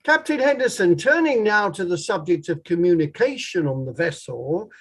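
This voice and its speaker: During a drama read-through, an actor plays a courtroom inquiry lawyer, questioning a witness formally and in a measured way while pressing step by step. His voice is middling in pitch and slightly rough, with lively intonation. The mood is formal and probing.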